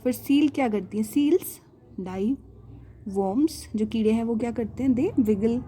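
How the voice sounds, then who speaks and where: A woman with an Indian English accent teaching a children's English lesson, patiently asking and answering her own questions and repeating words slowly. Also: on the high side, mellow, slight background noise. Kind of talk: explaining a primary English lesson.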